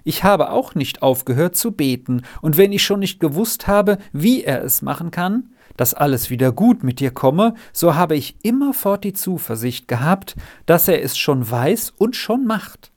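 A male storyteller voicing a pious little farm girl who speaks earnestly and gently. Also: a little high, very animated, moderate pace, hardly any pauses. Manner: earnest, softly persuasive.

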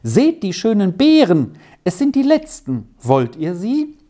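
A woman's voice: fairly low pitch, big pitch swings, a little slow, darkish tone, pitched above the performer's own voice, full character voice. A woman voicing an eager young peasant girl who pleads breathlessly and protests indignantly.

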